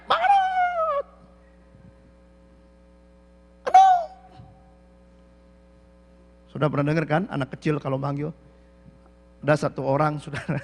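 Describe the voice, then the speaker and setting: A man preaching a sermon as pastor, animated, acting out the quotes, sometimes shouting, and mixing English phrases into his talk. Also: fairly high pitch, creaky. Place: church hall. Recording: echoey church hall.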